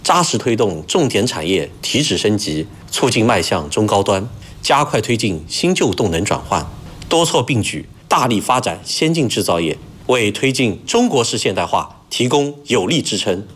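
A man gives a prepared official statement in a low voice. His intonation rises and falls widely, and his manner is formal and earnest. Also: sing-song, moderate pace, a bit bright, breathy edge.

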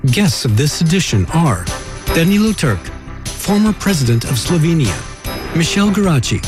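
A man reading out the guest introductions as a scripted announcer, crisply listing names and titles. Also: on the high side, sing-song, moderate pace, over music.

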